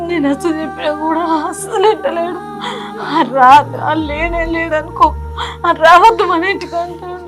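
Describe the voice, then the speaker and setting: With music playing, a woman acts lightly as a middle-aged village mother grieving over her married son, tearfully pleading, sobbing and lamenting. Her voice is high, her intonation fairly even and her speed normal.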